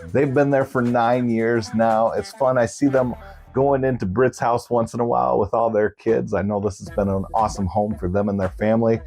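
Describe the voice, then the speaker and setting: A man's voice: mid-range voice, steady tone, normal speed, vocal fry, darkish tone, faint music behind. A man hosting bingo in a casual, folksy, upbeat and chatty way, calling numbers between stretches of talk. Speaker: bingo host. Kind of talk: casual bingo caller and host chat.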